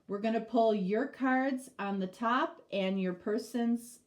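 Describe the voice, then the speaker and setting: Speaking slowly in a higher-leaning voice, this middle-aged woman rambles through a casual tarot reading with plenty of fillers. Her cold makes her sound nasal and stuffed up.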